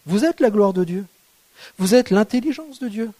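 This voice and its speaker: A man's voice: high voice, animated, normal speed, warm tone. A man preaching a sermon in a conversational, playful way, often asking the congregation rhetorical questions. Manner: playful, jokes with the audience.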